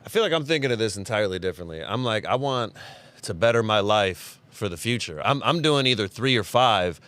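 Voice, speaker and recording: A man's voice: fairly low pitch, animated, brisk, a bit bright, clear, resonant tone, no echo. A man on a casual fan podcast, earnestly explaining his reasoning at length. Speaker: podcast panelist. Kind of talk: casual chat.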